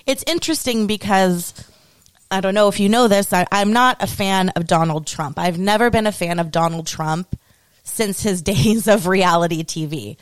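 A woman's voice: medium pitch, normal speed, dry recording. A woman hosting a solo podcast, ranting with sarcasm and heavy swearing. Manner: sarcastic, swears freely, swings between mock praise and outrage. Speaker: podcast host. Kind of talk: solo opinion podcast rant.

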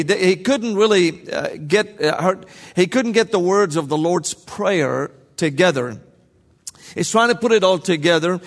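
A man's voice: high voice, big-room sound. A man preaching a sermon, joking and calling out to the congregation. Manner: lively, joking, calls to the congregation. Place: large church sanctuary.

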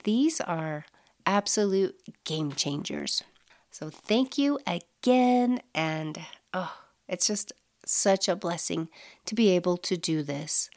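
A middle-aged woman hosting a casual solo podcast, effusive and upbeat with soft breathy asides, sounding nasal from allergies. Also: fairly low pitch, animated, takes it slowly. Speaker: podcast host.

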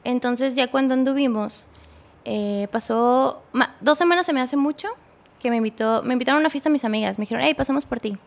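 Young Mexican woman, podcast guest, raspy-edged voice on the high side, halting, casual storyteller. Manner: halting, with many restarts and acted-out quotes.

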